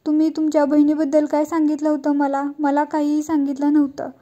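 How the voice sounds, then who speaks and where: A worried mother-in-law who protests her innocence, read out by a woman. The voice is high and flat with a dark, muted tone. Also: fairly quick, highs cut off, lightly acted. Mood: defensive. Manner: defensive, protesting.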